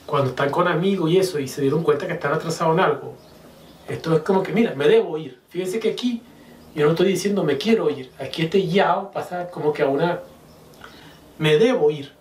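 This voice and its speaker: During a whiteboard lesson, a man with a slightly high voice patiently explains Chinese grammar, pausing to repeat example phrases slowly. The audio is roomy and echoey, with a distant mic and a faint hiss.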